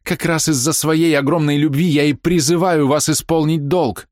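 A man's voice: a little high, fairly even intonation, normal speed, darkish tone, dry recording, studio quality, pitched above the performer's own voice, natural voice. A man reading aloud and voicing an anguished young woman torn by forbidden love, in a raised, pleading voice. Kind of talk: audiobook character reading.

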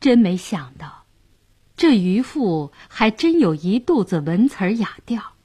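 A woman storyteller narrating a traditional tale. Her pace is slow and unhurried, and her pitch moves in lively arcs. Her voice has a slight husky grain. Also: dry recording. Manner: vivid, expressive narration.

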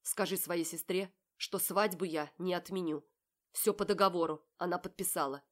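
A cold, commanding young man in an audiobook, as a woman reader puts him on. His lines come curt and mocking, pressing and accusing. The voice sits slightly low. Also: fairly even intonation, moderate pace, lightly acted. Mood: menacing. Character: cold self-assured predatory young man. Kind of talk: audiobook character voice.

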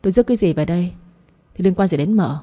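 A wounded, bitter eldest sister voiced by a woman narrator, cursing and lamenting her fate. The voice stays low, dark and husky. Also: fast, natural voice. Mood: angry. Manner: wailing, hurt outbursts.

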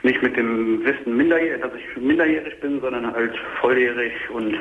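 A man's voice: mid-range voice, moderate pace. Young man calling in, echoey speakerphone-like line. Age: 20s. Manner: hesitant, many filler sounds. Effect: caller on a phone line that sounds like a speakerphone. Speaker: caller. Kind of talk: caller recounting his story. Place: in a car. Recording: echoey tinny phone line from a car, faint noise.

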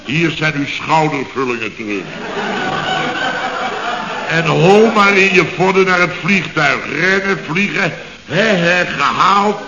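A boastful worker with a tall tale. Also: male voice, on the high side, slow, background noise. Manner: animated anecdote-telling in short punchy bits. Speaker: employee at a building contractor's firm. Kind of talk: 1960s radio comedy acting. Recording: dull old radio broadcast recording.

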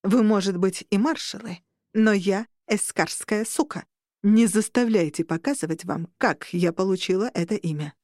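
A woman voicing a tired, sharp-tongued lady marshal who talks down to others. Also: medium pitch, normal speed, dry recording, studio quality, natural voice. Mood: commanding. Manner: tired, condescending. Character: weary, cutting noble lady marshal.

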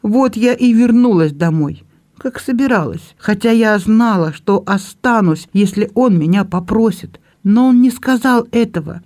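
A man's voice: extremely high pitch, warm tone, pitched above the performer's own voice. A man reading an audiobook and voicing a tearful young woman in love, speaking in a sobbing, breathless way.

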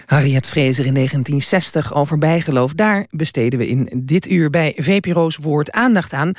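A radio presenter reading calm, informative links between archive fragments. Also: medium pitch, normal speed, no room sound, studio quality.

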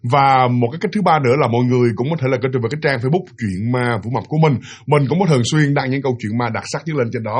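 A man's voice: medium pitch, breathy edge. A man hosting a ghost story channel, chatting casually with many fillers and friendly tags to his listeners.

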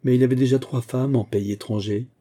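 A man's voice: medium pitch, steady tone, fairly quick, warm tone, natural voice. A man doing a sly, teasing schoolgirl. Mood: gossiping. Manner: whispering, teasing. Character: mischievous, sly teenage schoolgirl.

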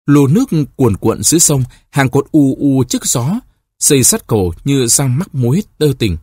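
Husky male storyteller. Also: mid-range voice, sing-song, dark tone, no room sound, studio quality. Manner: measured, literary. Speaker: narrator. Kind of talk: audiobook short story reading.

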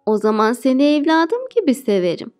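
A woman voicing a cunning female giant who eats children, speaking slowly in a raised, calling voice. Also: high-pitched, animated, darkish tone, faint music behind. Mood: angry.

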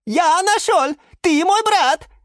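A woman voicing an excitable newly sprouted plant who shouts, repeats words and chants in a sing-song way. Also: very high-pitched, slow, dry recording, studio quality, pitched above the performer's own voice, exaggerated voice. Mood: clamoring. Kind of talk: storybook reading.

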